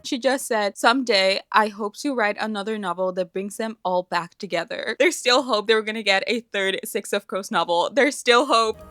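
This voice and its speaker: A woman's voice: mid-range voice, moderate pace, hardly any pauses, a bit bright, no echo. A young woman vlogging about her reading in a chatty, gushing way, full of fillers. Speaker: book vlogger. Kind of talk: casual vlog narration.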